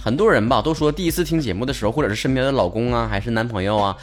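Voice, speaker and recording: A man's voice: medium pitch, rapid-fire, heavy background noise. A man with a Northeastern Chinese accent hosting a comedy talk show, joking colloquially through listener messages and firing off rhetorical questions. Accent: Northeastern Chinese (Dongbei). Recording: loud music bed under the voice. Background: loud music.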